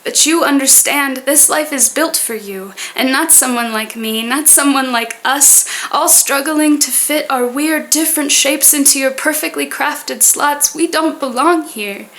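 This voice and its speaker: A woman with a high voice recites a spoken word piece. Her delivery is earnest and deliberate, shaped in short poetic phrases. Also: fairly bright tone.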